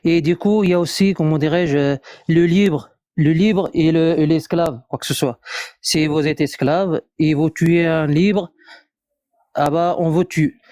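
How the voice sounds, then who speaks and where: A man's voice: fairly high pitch, fairly even intonation, unhurried, warm tone, no room sound, clean studio sound. A man from Morocco speaking French with a foreign, Moroccan accent in a casual live debate, often searching for words and repeating himself. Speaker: live discussion participant.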